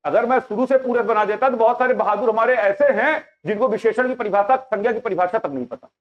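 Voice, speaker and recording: A male teacher giving a classroom lecture, quizzing his live students with repeated questions. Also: very high voice. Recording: dull lo-fi sound.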